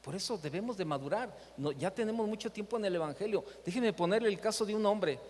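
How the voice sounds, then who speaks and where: In a church meeting hall, a seminar speaker with a Mexican accent tells lively stories and poses rhetorical questions in a preaching talk on leadership. He speaks quickly in a high voice, with a big-room sound and a little hiss or hum.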